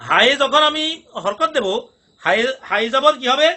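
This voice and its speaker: A man teaching Quran pronunciation in a recorded lesson, drilling each sound slowly with repetition. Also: very high voice, lively intonation, bright, forceful tone.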